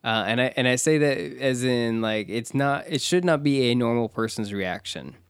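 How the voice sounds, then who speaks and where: A man co-hosting a casual podcast, animated, jumping into high mocking voices to quote people. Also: moderate pace, clean tone, no echo, clean studio sound. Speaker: podcast co-host.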